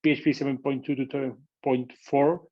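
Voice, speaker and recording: A man's voice: medium pitch, little pitch movement, fairly quick, muffled recording. A man with an Argentine accent explaining technical work as an interview guest. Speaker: podcast guest, tech product manager.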